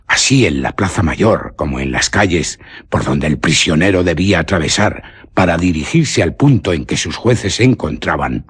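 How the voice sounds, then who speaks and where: Narrating a scripted suspense story for radio theatre, a man with a Spanish accent speaks in a low, husky voice. His delivery is solemn, measured and literary.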